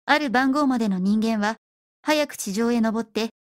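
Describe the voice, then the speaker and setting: A woman voicing a calm, self-assured female professor from the future who explains things politely in an audiobook reading. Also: a little high, no echo, clean studio sound, natural voice. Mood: explaining. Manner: polite explaining, brisk refusals.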